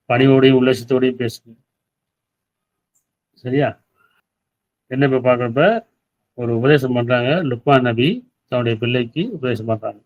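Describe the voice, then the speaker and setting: A man's voice: mid-range voice, poor audio. Man preaching with rhetorical questions. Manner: asks listeners rhetorical questions, reads verses aloud then explains. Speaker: Islamic preacher. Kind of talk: Tamil sermon explaining Quran verses.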